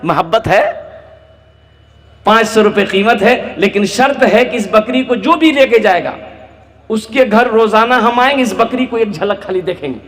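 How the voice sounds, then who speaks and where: A stubborn goat seller, as a preacher puts him on, a man who sticks to his odd bargain. He speaks in a fairly high voice, and it carries a long echo. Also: expressive, moderate pace, fairly bright tone. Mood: insistent. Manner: told in the storyteller's own voice.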